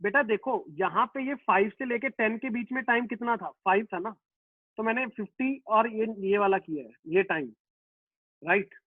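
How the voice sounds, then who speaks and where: A man teaching a live online physics class, coaxing his students and answering his own questions in a quick back-and-forth. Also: high voice, no room sound. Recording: dry, phone-like narrow sound.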